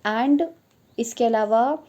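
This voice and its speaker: A woman's voice: on the high side, very slow, mellow. A young adult woman tutoring for teaching exams, explaining step by step in a spoken lesson, often repeating her points and slipping in English phrases.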